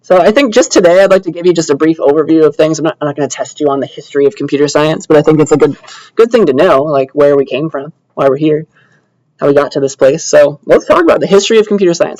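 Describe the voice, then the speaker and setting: This man gives an informal computer science lecture, talking fast in a slightly high, darkish voice and checking in with quick tags like "all right" and "yeah." His manner is casual and conversational, and the rough recording has no room sound.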